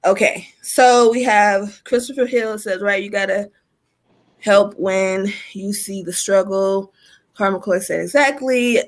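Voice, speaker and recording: A woman's voice: medium pitch, unhurried, poor audio. A woman from Los Angeles hosting a casual panel chat, laughing often and keeping a playful, easygoing tone. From Los Angeles, California. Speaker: host.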